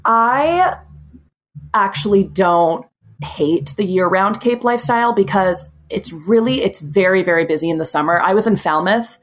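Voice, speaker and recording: A woman from Massachusetts chatting as a podcast guest, relaxed and frank, with lots of likes and ums. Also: mid-range voice, moderate pace. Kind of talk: casual chat.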